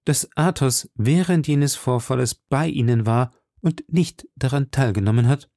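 A man's voice: medium pitch, a little slow, dry recording, clean studio sound, natural voice. A man playing an imperious irritable king. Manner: imperious, loud, exasperated. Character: irritable commanding king, middle-aged man. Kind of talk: audiobook character voice.

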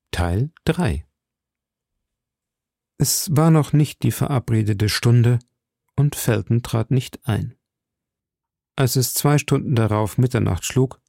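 Gravelly man reading an audiobook. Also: mid-range voice, warm tone, no echo, studio quality. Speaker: narrator.

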